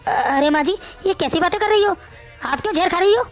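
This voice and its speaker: A woman's voice: very high voice, a little fast, soft background music. A woman voicing an outspoken young daughter-in-law who answers back in a cartoon story. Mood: defensive. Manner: pleading, then pert back-talk.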